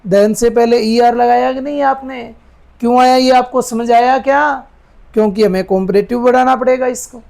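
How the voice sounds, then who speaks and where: His voice is extremely high yet steady, with vocal fry and a darkish tone. Teaching English grammar, he goes step by step, slowly repeating sentences word by word, calling students "beta" and asking checking questions.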